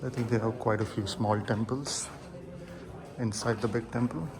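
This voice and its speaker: A man's voice: lowish voice, steady tone, normal speed, a crowd in the background. A man giving casual travel vlog narration as he tours a site. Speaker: travel vlogger. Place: at a large temple site. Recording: clear background noise, outdoor ambience.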